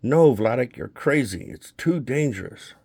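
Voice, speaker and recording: A man's voice: medium pitch, expressive, normal speed, warm tone, dry recording, pitched above the performer's own voice. A man voicing a frightened young wife who pleads anxiously with her husband. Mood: pleading.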